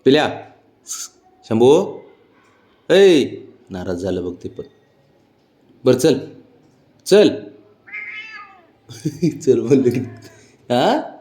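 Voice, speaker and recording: A young man talking affectionately to his cats at home, coaxing them in baby talk that soars into a high sing-song when he greets them. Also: very animated, very slow, long pauses, dark tone. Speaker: cat owner. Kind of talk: casual talk to pets.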